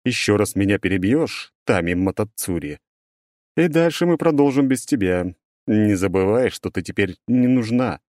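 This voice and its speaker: A man's voice: lowish voice, moderate pace, darkish tone, no echo, clean studio sound, lightly acted. A man voicing a huge steel magic golem that drones on in a melancholy, faintly gloating way. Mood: droning. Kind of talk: audiobook reading.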